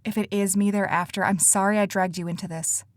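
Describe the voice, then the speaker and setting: A woman voicing a worried, gentle teenage girl who speaks softly and hesitantly, in an audiobook. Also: medium pitch, fairly even intonation, a little fast, no room sound, close to an everyday voice. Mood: quiet. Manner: soft, hesitant.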